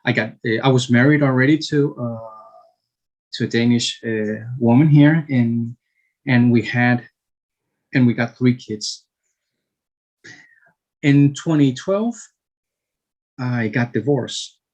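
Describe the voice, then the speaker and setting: A man in his fifties from Chile, answering interview questions slowly with frequent hesitations and restarts. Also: medium pitch, a little mellow, highs cut off. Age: 50s. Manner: slow, halting, many fillers and restarts. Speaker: guest.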